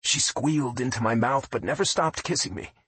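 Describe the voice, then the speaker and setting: Husky male romance audiobook narrator. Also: fairly quick, a bit bright. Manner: low, intimate first-person reading.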